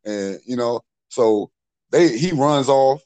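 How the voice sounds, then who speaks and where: A man's voice: medium pitch, lively intonation, slow, darkish tone, no room sound, rough recording. A middle-aged man telling street stories in a casual, profane way, full of "you know what I'm saying.". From Maryland, USA. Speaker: podcast storyteller.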